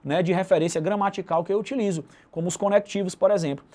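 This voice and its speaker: A man's voice: sits high, steady tone, fast talker, dark tone. A Brazilian man with a Brazilian Portuguese accent giving a recorded video lesson, explaining step by step and closing nearly every phrase with a tag question. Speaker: teacher.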